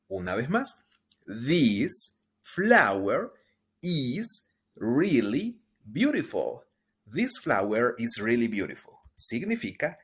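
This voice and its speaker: A man teaching a beginner language class. He explains step by step in a patient way and draws out model phrases slowly so students can repeat them. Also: medium pitch, husky. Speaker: English teacher. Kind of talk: scripted language lesson for beginners.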